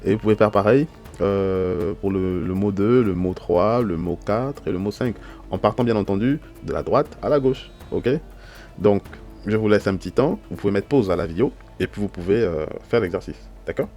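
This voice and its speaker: A man's voice: fairly low pitch, moderate pace, dark tone, soft background music. A man teaching an online language lesson, explaining patiently step by step and often checking that his listeners follow. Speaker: Hebrew teacher.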